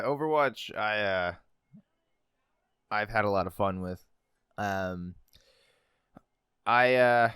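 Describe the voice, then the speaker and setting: A man's voice: mid-range voice, fairly bright tone, clear, resonant tone, no echo, clean studio sound. A man co-hosting a podcast in casual chat, rambling with lots of fillers and laughing at himself. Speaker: podcast co-host.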